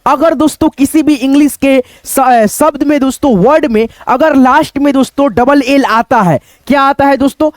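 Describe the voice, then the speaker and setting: A man's voice: extremely high pitch, normal speed, hardly any pauses, dry recording. A man teaching an English lesson, spelling words letter by letter and keeps asking his viewers questions. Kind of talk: spoken lesson.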